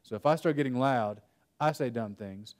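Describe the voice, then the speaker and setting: A young man giving a lively conference workshop talk, telling funny stories to the room. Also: medium pitch, moderate pace. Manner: animated storytelling, jokes with the audience. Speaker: workshop speaker. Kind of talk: conference breakout presentation.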